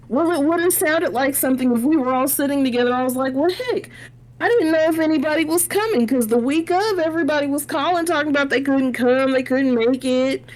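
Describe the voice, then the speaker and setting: A woman's voice: sits high, rough recording. A woman co-hosting a casual review chat, telling stories in a chatty way and laughing often. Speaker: podcast co-host.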